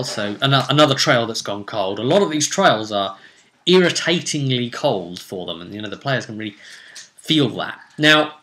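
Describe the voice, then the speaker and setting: A game master recaps a tabletop roleplay campaign in a sharp, medium-pitched male voice. He tells the story of the session and muses aloud, tossing out rhetorical questions.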